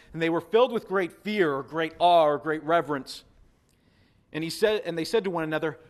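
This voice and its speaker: A man preaching a sermon as pastor, earnest, repeating key phrases for emphasis. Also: fairly high pitch.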